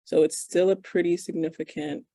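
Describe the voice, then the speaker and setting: A young woman in her twenties answers interview questions as a medical student over a video call. Her voice is dark and gravelly, with a dry sound close to the mic. She talks casually and thinks aloud, with plenty of fillers. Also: fairly low pitch, fairly even intonation, moderate pace, no room sound. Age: 20s.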